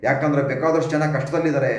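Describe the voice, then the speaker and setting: A man's voice: fairly high pitch, fairly even intonation, very fast. Earnest Kannada-accented man in an echoey room. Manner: earnest, repetitive, pleading. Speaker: YouTube channel host. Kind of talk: direct-to-camera opinion talk.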